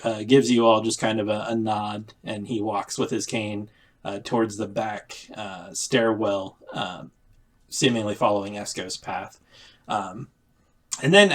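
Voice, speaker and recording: A man narrating as game master in a loose, casual way, with many fillers. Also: lowish voice.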